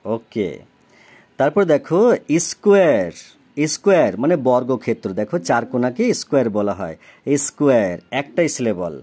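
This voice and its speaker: A man's voice: mid-range voice, sing-song, normal speed, a little mellow. A man, tutoring a child in a recorded homework lesson. He spells words letter by letter, gives their meanings, and keeps asking whether the child understands. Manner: often checks understanding with questions.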